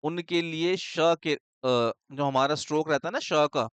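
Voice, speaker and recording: A man's voice: on the high side, unhurried, fairly bright tone, smooth, no echo. A man teaching a shorthand lesson in a casual, explanatory way. He keeps asking questions and answering them himself, and he checks in with his students often.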